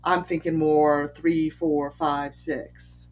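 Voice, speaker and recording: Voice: mid-range voice, flat delivery, takes it slowly. A speaker giving unscripted commentary, talking conversationally, asking many rhetorical questions and often saying um or restarting phrases. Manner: frequent ums and restarted phrases. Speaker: commentator on bias. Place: Chicago area.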